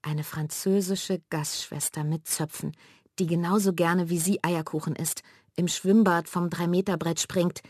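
Low-voiced woman reading a children's story. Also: no echo, studio quality. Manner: lively, expressive reading. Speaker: narrator.

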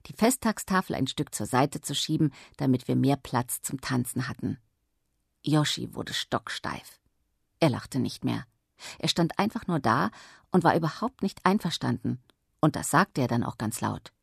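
Calm storyteller for a children's book, first person; low, gravelly woman's voice. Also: no echo, studio quality. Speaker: audiobook narrator. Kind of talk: children's audiobook narration.

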